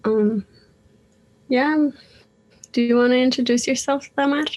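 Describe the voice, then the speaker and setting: A young woman speaks as a guest on a radio interview. She talks slowly and casually, with hesitant likes and ums between her thoughts. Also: high-pitched, a little mellow, poor audio. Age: young adult.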